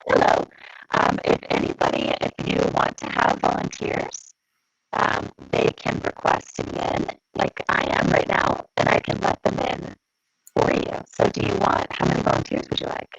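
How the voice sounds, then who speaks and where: A woman organizing an online event, helpfully letting volunteers onto the video call. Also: moderate pace. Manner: helpful, practical, admits volunteers. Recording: muffled lo-fi call with noise.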